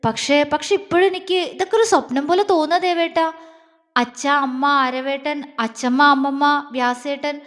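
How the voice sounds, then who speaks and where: A woman's voice: high-pitched, moderate pace, a bit bright, in a large hall. A woman voicing a young wife in a romance story, confiding her feelings in a tearful, heartfelt way.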